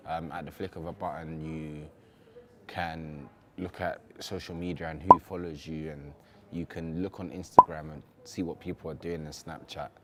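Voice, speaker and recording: A man in his twenties, a university student, chatting through interview answers in a relaxed way, full of "um" and "like". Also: very deep voice, moderate pace, over a noisy crowd. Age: 20s.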